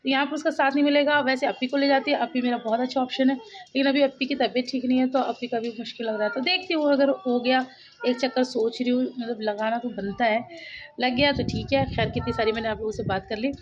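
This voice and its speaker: A woman in her thirties, a mother chatting quickly and warmly with viewers while cooking in her home kitchen. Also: high-pitched, fairly even intonation, highs cut off. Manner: fast, talkative, laughing asides. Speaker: vlogger, mother. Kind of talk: casual chatty home vlog.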